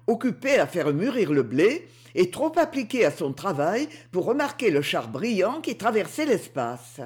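Expressive woman narrating a storybook. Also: fairly low pitch, husky. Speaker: audiobook narrator.

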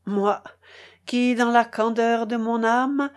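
A woman's voice: fairly high pitch, steady tone, slow. A woman reading the part of a proud, self-pitying male hanger-on in a storybook, with melodramatic outbursts and wounded dignity. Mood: reproachful.

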